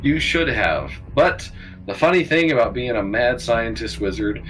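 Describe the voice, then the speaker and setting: A man narrating as game master of a tabletop game, in a relaxed, laid-back way. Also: medium pitch, moderate pace, faint music behind, poor audio.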